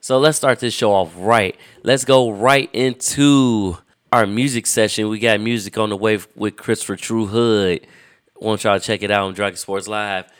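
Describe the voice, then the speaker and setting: A man hosting a live show like a ringmaster, announcing in a drawn-out, emphatic showman's manner. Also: lowish voice, fairly even intonation, smooth. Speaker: sports and music show host.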